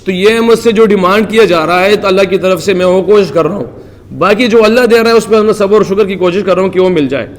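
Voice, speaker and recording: Earnest Pakistani cricketer, high voice. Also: male voice, long reverb tail. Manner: earnest, devout, many religious phrases. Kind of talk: press conference answers.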